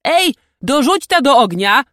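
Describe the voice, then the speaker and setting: A woman voicing a gruff, weary old male knight who talks firmly in old-fashioned speech. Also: low voice, sing-song, takes it slowly, no room sound, clean studio sound, full character voice. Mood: stern. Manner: firm, archaic speech.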